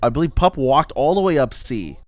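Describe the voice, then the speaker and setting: Male esports analyst, casual, animated, swings his pitch around, easygoing delivery. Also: brisk, no room sound. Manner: lively, conversational, swears casually. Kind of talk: casual game analysis commentary.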